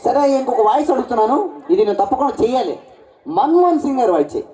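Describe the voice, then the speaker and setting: A man's voice: very high voice, lively intonation, dark tone. A man performing a stage comedy skit as a bossy, mocking show star. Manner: bossy, mocking, rapid banter. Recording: roomy stage sound from a distance.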